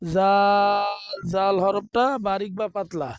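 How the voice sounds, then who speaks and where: A man, teaching an online Arabic pronunciation lesson, slowly drawing out letter sounds and chanting rules like a drill. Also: sits high, flat delivery, clean tone, no echo, faint music behind. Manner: slow, drawn-out demonstration of letter sounds; recites lists in a chanting, drilled way. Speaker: madrasa teacher.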